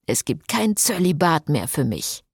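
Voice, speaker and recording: A woman voicing a man who is a former priest, speaking calmly and earnestly in an audiobook. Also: sits low, unhurried, gravelly, breathy edge, dry recording, studio quality, full character voice. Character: ex-priest man, calm and teasing.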